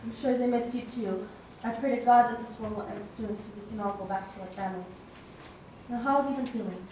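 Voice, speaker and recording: Lady acting a steadfast caring war nurse in a play, high voice, super echoey. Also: fairly even intonation, a little fast, slight background noise, natural voice. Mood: gentle, caring. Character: compassionate, devoted wartime nurse, calm and steadfast. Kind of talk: stage musical play dialogue. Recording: very echoey stage, distant mic, loud music.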